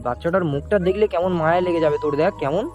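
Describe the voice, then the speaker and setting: High-voiced man coaxing a child. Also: racing, muffled recording. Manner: coaxing, soothing, emotional asides to a friend. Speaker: vlogger. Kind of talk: street vlog talking to a child. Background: music.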